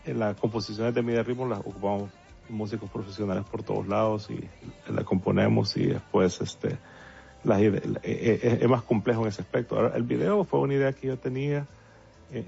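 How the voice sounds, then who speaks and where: A man from El Salvador speaks in a deep, gravelly voice. He is a guest in a relaxed interview and talks haltingly, with many fillers and restarts. The recording is dull and lo-fi, with faint music behind him. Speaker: guest songwriter and producer. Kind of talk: casual interview talk.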